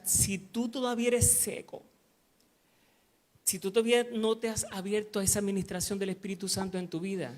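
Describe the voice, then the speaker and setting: A middle-aged man with a Puerto Rican Spanish accent, preaching a sermon and telling stories from his own life, moving between hushed and loud passages. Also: sits high. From Puerto Rico. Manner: storytelling, swings from hushed to loud. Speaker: pastor.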